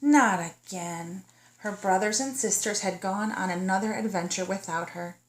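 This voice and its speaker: In a low-quality recording, a woman with a mid-range voice narrates a picture book for kindergartners in a teacherly, child-directed manner. She invites the listener in and stops now and then to pose questions.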